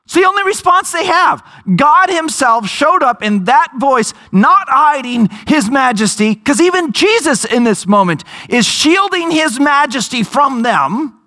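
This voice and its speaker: A man preaching a sermon, telling a scripture story with emphatic, drawn-out phrases and lively storytelling. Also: extremely high pitch. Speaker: pastor.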